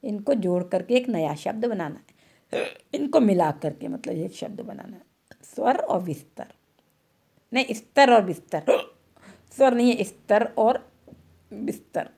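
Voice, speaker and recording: Woman teacher, online lesson, slow repetitions, frequent check-ins with pupils. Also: medium pitch, animated, gravelly, a little mellow, husky. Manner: patient, repeats words slowly and checks with "thik hai na".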